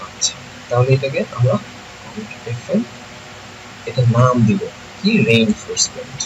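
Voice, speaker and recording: Guy doing a software tutorial, keeps asking if you got it, noisy mic. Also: medium pitch, big pitch swings, moderate pace, dull audio. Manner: thinks aloud, checks with listeners often. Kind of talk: screen-recorded tutorial. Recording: noisy home recording.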